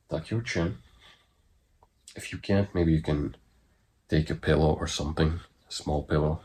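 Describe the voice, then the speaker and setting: A man coaching viewers through an exercise in an informal, halting way, in short phrases. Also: extremely low pitch, a little mellow, husky. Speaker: breathwork coach giving online guidance. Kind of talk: instructional talk to viewers.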